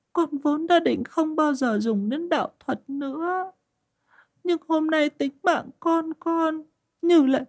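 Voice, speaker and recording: A man voicing an older village woman who prays softly and slowly, begging spirits for help. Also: very high voice, creaky, voice pushed up, heavily acted. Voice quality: soft, hushed and slow.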